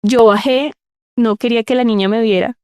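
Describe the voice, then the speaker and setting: A woman's voice: fairly high pitch, steady tone, normal speed, a little mellow, clear, resonant tone, no room sound, clean studio sound. A woman, telling her own story in an interview, earnest and repeating words for emphasis. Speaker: interview guest. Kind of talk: personal storytelling in conversation.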